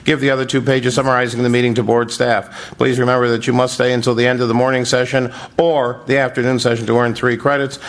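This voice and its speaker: An American man chairs a public board meeting in a formal, official manner. His mid-pitched voice stays fairly flat as he delivers procedural announcements and remarks.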